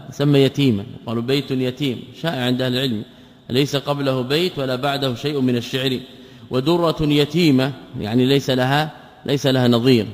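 Male scholar giving a lecture on a text, mid-pitched voice, asks and answers his own questions, echo from a long hall. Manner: poses rhetorical questions and answers them himself; repeats words and patterns slowly for emphasis. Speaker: Islamic scholar teaching a text. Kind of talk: lecture explaining a classical text.

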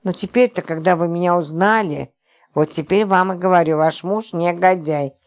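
A sarcastic, short-tempered man in an audiobook, snapping and scoffing one moment and bursting out the next, as a woman reader puts him on. The voice sits fairly low and is read in a plain storybook manner. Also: normal speed, close to an everyday voice. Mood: explaining. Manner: sarcastic, explosive outbursts. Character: exasperated sarcastic man, a company boss hiding out.

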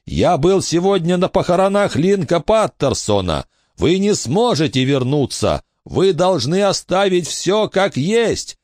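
A man voicing a young boy preacher who gives urgent, shouted commands. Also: high voice, big pitch swings, a little slow, hardly any pauses, no room sound, clean studio sound, pitched above the performer's own voice. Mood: urgent shouting.

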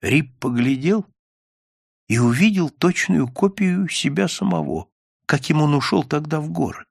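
A man narrating a classic story as an audiobook in an expressive, dramatic reading style. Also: on the high side, a little slow, gravelly, breathy edge, no echo, studio quality. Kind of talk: scripted literary narration.

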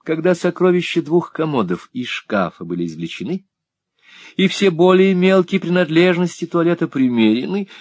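A man's voice: fairly high pitch, moderate pace, no room sound. A man narrating a classic novel as an audiobook, telling it expressively. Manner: expressive storytelling.

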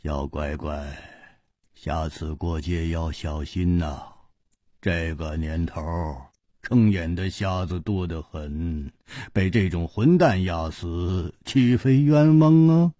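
A male storyteller voicing a loud, lazy, jolly swordsman who bellows and teases, husky-voiced. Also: deep voice, slow pace, no echo, clean studio sound, voice pushed down. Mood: teasing. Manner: bellowing, rowdy and teasing.

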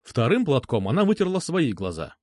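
Expressive male audiobook narrator. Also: mid-range voice, brisk, no echo, clean studio sound. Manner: expressive, dramatic reading with lively intonation.

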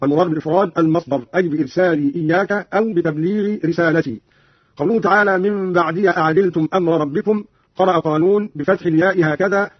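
A man presenting a formal radio lesson, explaining reading variants in a measured, precise way and quoting verses as examples, on a dull lo-fi radio recording. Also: high voice, slightly rough, no room sound.

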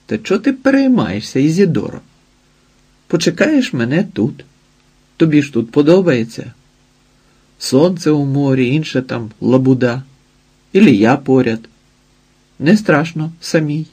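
A man's voice: fairly high pitch, lively intonation, a little slow, long pauses, mellow, breathy edge. A male audiobook reader voicing a brash, mocking man in a raised, teasing voice.

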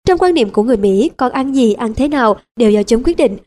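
A woman reading a nonfiction audiobook as narrator, in an even, measured way. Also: fairly high pitch. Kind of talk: scripted narration.

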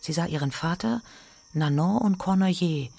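A woman narrating a radio play in a hushed, suspenseful way. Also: lowish voice, normal speed, creaky, breathy edge. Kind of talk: scripted narration.

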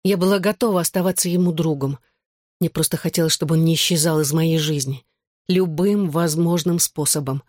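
Female audiobook narrator, measured tense first-person reading, dry close sound. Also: sits low, darkish tone, dry recording.

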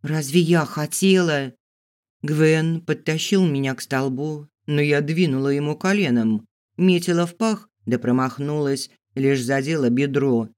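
A man's voice: a little high, a little slow, darkish tone. Man steadily narrating an audiobook. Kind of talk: scripted narration.

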